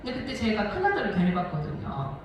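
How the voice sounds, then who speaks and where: A woman in her forties, a missionary telling her testimony as a sermon, lively and laughing often as she tells the story. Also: mid-range voice, fast talker, far from the mic, muffled recording, a little hiss or hum. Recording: echoey hall, voice from afar.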